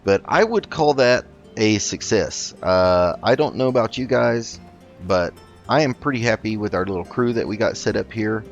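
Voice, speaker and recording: Over faint game music, a gaming video host chats casually and thinks aloud while playing a roleplay let's play. He talks at normal speed in an animated voice on the low side, captured on a slightly dull mic.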